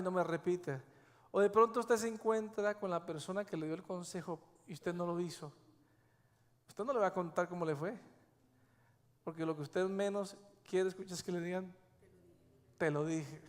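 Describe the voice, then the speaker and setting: A man with a high voice preaches from the pulpit of a church. He stresses and repeats his key phrases, and his words ring on in the long reverb of the sanctuary. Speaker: pastor. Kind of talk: sermon.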